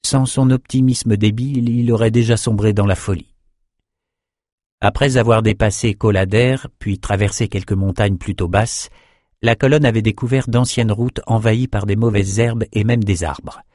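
Low-voiced male audiobook narrator. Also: fairly even intonation, moderate pace, darkish tone, dry recording, studio quality.

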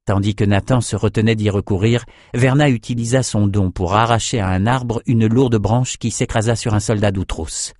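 This is a male narrator reading a fantasy audiobook with steady, even pacing. His voice sits on the low side. The recording is dry and close. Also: normal speed, few pauses, no echo. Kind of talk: scripted narration.

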